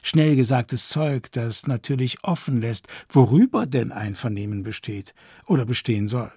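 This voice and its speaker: A man's voice: medium pitch, animated, normal speed, mellow, husky, no echo, clean studio sound. A man reading an audiobook voices an acid, sarcastic lady of society with a sneering delivery. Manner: caustic, sneering. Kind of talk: audiobook character voice.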